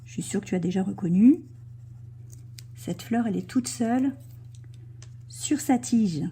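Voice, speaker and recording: A woman teaching young children to write in cursive, slowly and gently describing each stroke as she writes and now and then dropping to a soft whisper. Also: medium pitch, animated, a little hiss or hum. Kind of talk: handwriting lesson for children.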